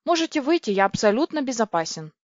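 A woman's voice: on the high side, big pitch swings, fast talker, dry recording. A woman playing a polite crocodile-spider alien. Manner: courteous, formal and precise. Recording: dry, dull lo-fi recording.

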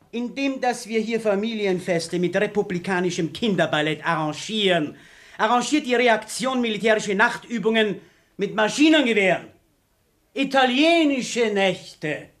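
An actor playing a defiant, militant young party rebel in a radio play, speaking like an agitator. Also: male voice, high voice, lively intonation, a little slow, fairly bright tone. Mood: combative, rousing. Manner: agitating, emphatic orator. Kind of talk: theatrical radio play acting.

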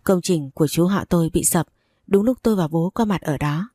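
A woman narrating a first-person audio story in a steady, even reading voice. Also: fairly low pitch, a little fast, no room sound, studio quality.

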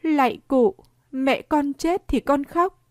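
A woman's voice: high voice, takes it slowly, a little mellow, dry recording, studio quality, pitched above the performer's own voice. A woman reading the part of a grieving peasant widow, wailing and pleading in a raised voice.

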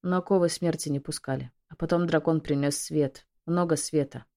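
A tender male dragon general, voiced by a woman narrator, speaks in a lowered, husky hush. His devotion sits in every word of this fantasy audiobook, and the voice stays deep and soft throughout. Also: steady tone, normal speed. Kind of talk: audiobook character voice.

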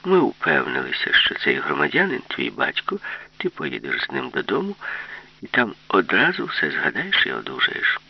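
Man doing a low sinister schemer. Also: wildly swooping pitch, moderate pace, creaky, breathy edge, highs cut off, exaggerated voice. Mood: coaxing. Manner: low, commanding. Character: sinister smooth-talking man, false doctor.

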